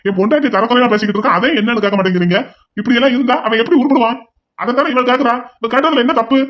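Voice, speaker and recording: A man's voice: very high-pitched, rapid-fire, fairly bright tone. Man voicing an indignant elder son in a cartoon. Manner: angry, lecturing. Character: indignant elder son defending his wife. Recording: dull lo-fi audio.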